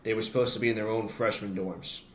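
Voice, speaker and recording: Fast and fairly even, a fairly low, fairly bright male voice belongs to an American announcer and voice-over artist sharing personal stories as an interview guest. Noticeable background noise and a roomy echo mark the recording.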